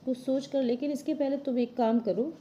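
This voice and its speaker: A woman's voice: high-pitched, fairly even intonation, normal speed, mellow, slight background noise, voice pushed up, natural voice. A woman voicing a clever, helpful male turtle in a storybook reading for children. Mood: friendly.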